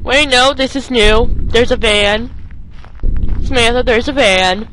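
A woman's voice: fairly high pitch, fairly even intonation, takes it slowly, fairly bright tone, a little hiss or hum, poor audio. A young woman giving casual, rambling gameplay commentary, swearing often and talking to herself as she plays. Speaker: let's play gamer.

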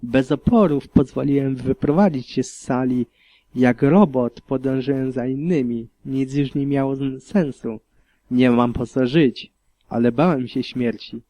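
A man's voice: mid-range voice, a little slow, mellow. A man reading a fanfiction audiobook as first-person narration in a somber, reflective way. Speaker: audiobook reader.

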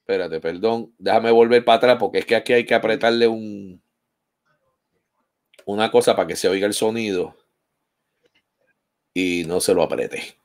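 A man's voice: fairly low pitch, normal speed, long pauses. A man hosting a casual online interview, telling stories with playful asides. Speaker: host.

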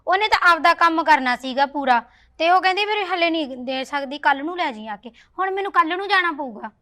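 A woman's voice: extremely high pitch, lively intonation, quick pace, pushed and bright, exaggerated voice. A young woman playing a schoolgirl secretly in love, who talks to herself and playfully coaxes her mother. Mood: coaxing. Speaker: daughter. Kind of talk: village family drama acting.

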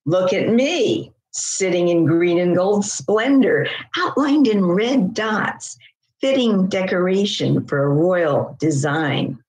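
A woman reading a poem in the voice of a proud, lazy cat from a manuscript, slow and savoring. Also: fairly low pitch, darkish tone. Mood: smug. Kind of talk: poetry reading in a character's voice. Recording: roomy echo.

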